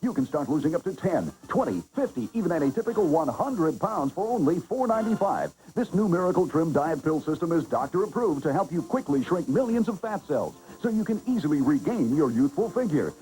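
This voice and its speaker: A male commercial announcer delivers an urgent hard-sell ad. His voice is soft-edged and warm in tone, yet swings widely as he stresses the pitch to the buyer. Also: big pitch swings, fairly quick, hardly any pauses, poor audio. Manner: urgent, emphatic sales pitch.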